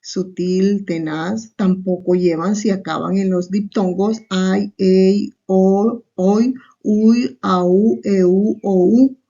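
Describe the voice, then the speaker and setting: A woman's voice: mid-range voice, fairly even intonation, slow pace, creaky, few pauses, warm tone. A woman teacher with a Salvadoran Spanish accent, giving a recorded online class and explaining step by step, often tagging on a questioning aside. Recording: muffled lo-fi recording.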